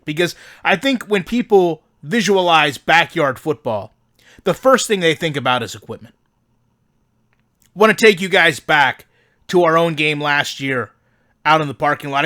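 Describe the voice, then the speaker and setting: A man playing a smug game executive hosting a staff conference call in a parody, speaking with earnest, measured, emphatic corporate politeness. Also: on the high side, pushed and bright. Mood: firm, self-assured.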